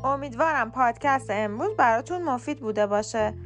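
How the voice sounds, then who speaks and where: Woman, podcast host, lesson, slightly high voice, careful letter-by-letter spelling. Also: music in the background. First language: Persian. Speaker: podcast host and English teacher. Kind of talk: short scripted pronunciation lesson.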